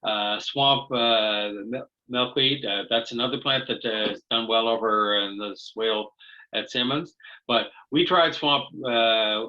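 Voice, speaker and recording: A man giving a webinar talk over a video call, speaking haltingly with many fillers and restarts. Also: mid-range voice, bright, forceful tone. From Canada. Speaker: guest speaker. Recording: dull lo-fi video call audio.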